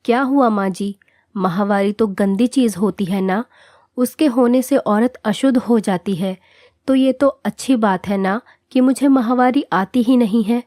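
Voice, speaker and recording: A modern young wife talks her point through in a calm, reasoning way, voiced by a woman narrator. Her tone is soft and mellow, recorded dry and close. It is a storybook reading. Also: mid-range voice, dry recording, natural voice. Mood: sly.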